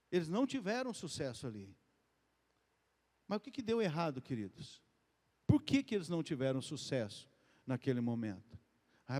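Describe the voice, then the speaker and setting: Guy preaching in a church, talks kinda high and chatty, lots of reverb from the hall. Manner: conversational, addresses the congregation as "queridos" and "gente"; lively, often rises in pitch and speeds up. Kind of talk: sermon.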